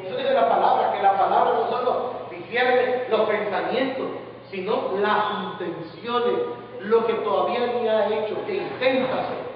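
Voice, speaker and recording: A man's voice: high voice, normal speed, a little hiss or hum. A male preacher giving an emphatic Bible class sermon, often asking the congregation questions. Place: church hall. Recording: distant, echoey church hall, lo-fi.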